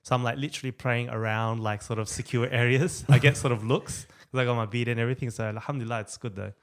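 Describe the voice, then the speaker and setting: A rights activist in his thirties with an Australian accent appears as a guest in an interview, chatting casually with many fillers and restarts. He speaks fast, with a medium-pitched, steady voice.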